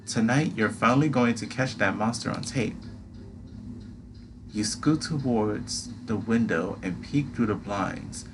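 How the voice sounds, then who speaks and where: A man's voice: lowish voice, measured pace. A man reading a game's second-person story aloud as narrator, with dramatic delivery. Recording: clear background noise.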